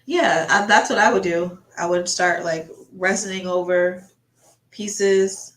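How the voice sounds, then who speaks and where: A woman's voice: fairly low pitch, slow pace, a bit bright. Congested woman chatting casually, roomy echo. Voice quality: congested, stuffy nose with mouth breathing. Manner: rambling, thinking aloud. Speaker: artist livestreamer chatting while painting. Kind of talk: casual chat. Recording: roomy, echoey sound.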